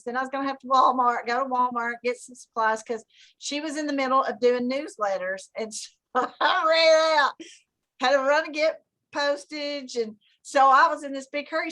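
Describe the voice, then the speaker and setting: A woman telling funny stories in casual chat on a video call, animated and laughing often, acting out her own thoughts in a high voice.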